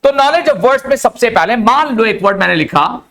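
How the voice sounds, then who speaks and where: एक पुरुष शिक्षक जो कोचिंग क्लास में छात्रों को "बेटा" कहकर समझाते हुए अंग्रेज़ी पढ़ा रहे हैं।. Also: male voice, very high voice, moderate pace. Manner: addresses students as beta, lively and coaxing. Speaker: English teacher. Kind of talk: classroom lecture. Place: coaching classroom.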